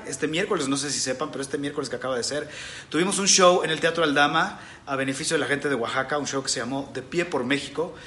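A man's voice: a little high, pushed and bright. A man hosting a comedy show, chatty and loose as he introduces the night. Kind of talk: monologue host and stage emcee.

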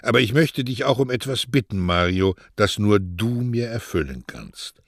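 A man reading as an old poet speaking a heartfelt message, warm and intimate, in an audiobook. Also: lowish voice, expressive, moderate pace, dry recording, clean studio sound. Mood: tender. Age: older. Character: old male poet speaking on a tape, tender.

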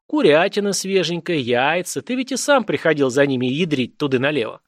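A man's voice: fairly high pitch, lively intonation, brisk, no room sound, clean studio sound, lightly acted. A man doing folksy Pavlo. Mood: objecting. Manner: folksy, objecting. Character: folksy man of the cave folk, a chicken keeper.

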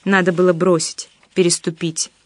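A woman voicing a tormented young man who speaks low, hushed and intensely. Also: little pitch movement, normal speed, dry recording, lightly acted. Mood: bitter regret.

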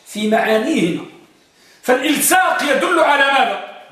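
A man teaching Arabic grammar to a class, quizzing students by name and drawing out example words slowly. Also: very high-pitched, lively intonation, bright, forceful tone. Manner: drills students with repeated questions, drawn-out examples. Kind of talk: classroom lesson, questioning students. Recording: very echoey room, mic far off.

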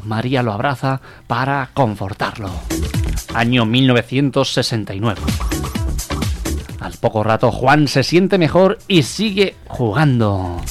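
Man reading comic sketches. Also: mid-range voice. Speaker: radio comedy host.

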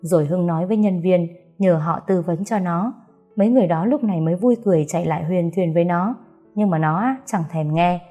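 A woman reads an audiobook in a low, mellow voice. Her storytelling is steady and even, with faint music underneath. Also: brisk. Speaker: audiobook narrator. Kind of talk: scripted story narration.

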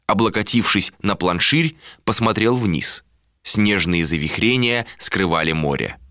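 A man narrating an audiobook in a measured, expressive way. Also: on the low side, dry recording, clean studio sound.

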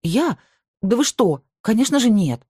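A woman's voice: fairly low pitch, expressive, moderate pace, mellow, husky, no room sound, studio quality, pitched above the performer's own voice. A reader voicing a confused young woman who is shivering and asking urgent, pleading questions in an audiobook. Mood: indignant. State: shivering, headache.

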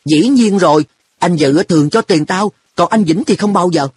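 A man's voice: high voice, normal speed, a little mellow, slightly rough, no room sound, voice pushed up. A man voicing a carefree, teasing schoolboy in a storybook reading, with an offhand, blunt way of talking. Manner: offhand, blunt boyish talk. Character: boy An, carefree, teasing, money-minded.

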